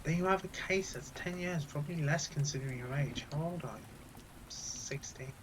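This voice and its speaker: A young man reading the lines of a calm male detective who speaks in a steady, reassuring way, with game music behind. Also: on the high side, normal speed, noisy background, lightly acted. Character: calm adult male detective talking someone down.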